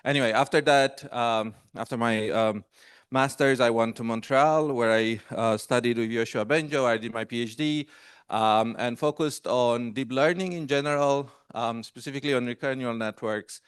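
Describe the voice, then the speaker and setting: Hesitant male lecturer with smooth voice. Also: medium pitch, fairly bright tone, no echo, clean studio sound. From Romania. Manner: hesitant, many fillers and restarts. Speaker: guest lecturer. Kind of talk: academic lecture. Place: lecture room.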